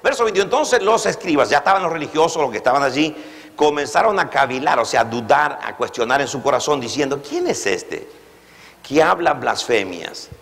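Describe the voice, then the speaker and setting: A pastor preaching a sermon, his fairly high voice rising and falling with animation. He keeps asking the congregation questions and has them repeat after him, and his voice rings out with the long reverb of a church hall. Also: lively intonation, fast, a bit bright.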